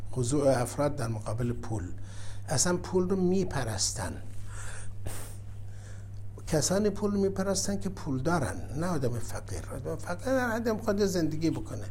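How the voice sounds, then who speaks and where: A man giving a religious sermon, telling a story and moving from quiet asides to forceful exhortation. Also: on the high side, a little hiss or hum. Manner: storytelling, swings from soft asides to emphatic exhortation. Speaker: cleric.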